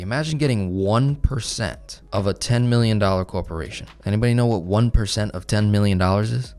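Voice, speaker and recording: A man's voice: lowish voice, a little mellow. A young man teaching a live online finance class, talking with energy and often asking rhetorical questions. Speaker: finance coach.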